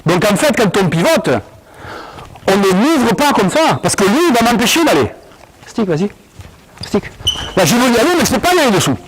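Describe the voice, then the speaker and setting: A male basketball coach running an on-court session, explaining drills and barking quick commands at players. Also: high-pitched, big pitch swings, slight background noise, poor audio.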